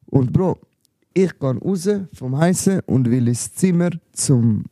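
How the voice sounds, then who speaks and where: A man's voice: mid-range voice, expressive, slow pace, warm tone, no room sound, clean studio sound. A young man with a Swiss German accent, telling stories in casual, slangy chat and calling his friend bro. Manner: slangy storytelling, says bro a lot. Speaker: podcast guest, rapper.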